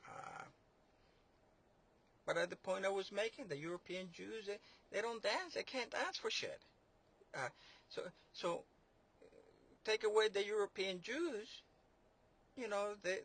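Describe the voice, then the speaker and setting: A man's voice: sits high, vocal fry, bright, forceful tone. A man delivering a sarcastic political monologue, rambling and mocking, with many fillers and restarts. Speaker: commentator.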